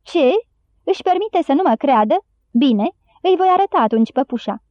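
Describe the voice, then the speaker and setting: Fretful old doctor in a storybook reading , done by a woman, pitched up, thin tinny sound. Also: expressive, a little mellow, no room sound. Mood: indignant. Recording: dry, tinny phone-like sound.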